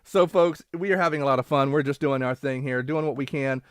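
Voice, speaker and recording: A man's voice: medium pitch, a little fast, clear, resonant tone, no echo, clean studio sound. A man hosting a casual live online show, chatting in a folksy showman's way and plugging sponsors to his viewers.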